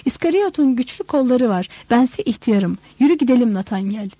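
Fearful old man for a storybook, voiced by a woman, evasive, mellow and dry. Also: fairly high pitch, lively intonation, normal speed, dry recording. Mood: timid. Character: timid old male apostle.

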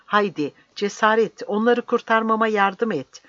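A reader plays a fiery old village priest, shouting his defiance in an impassioned, declaiming and pleading way, lightly acted with the voice pushed up. The pitch is medium and the pace normal, on a dry, slightly dull recording with no echo.

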